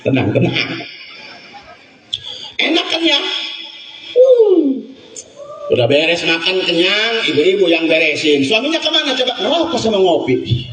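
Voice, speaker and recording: A man with a high voice delivers a humorous sermon in a prayer hall. He tells his stories with acted-out voices and keeps asking the crowd questions. The sound is echoey and distant, with faint room noise behind him. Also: normal speed. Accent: Indonesian. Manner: lively storytelling, acting out voices and asking the crowd. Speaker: preacher.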